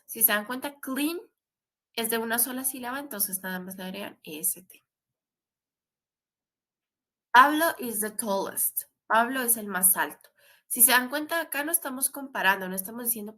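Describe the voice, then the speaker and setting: A woman's voice: on the high side, sharp tone. A woman teaching English grammar in a recorded class. She explains step by step and often adds a questioning tag.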